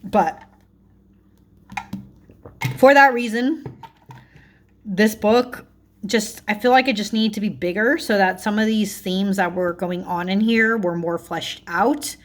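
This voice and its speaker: A woman in mid pitch talks through a book review in an easy, rambling way. She leans on filler words and restarts her sentences, keeping it loose and conversational. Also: steady tone, takes it slowly, long pauses. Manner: chatty, filler-heavy, self-correcting, frequent laughs. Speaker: book and tarot vlogger. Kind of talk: casual book review chat.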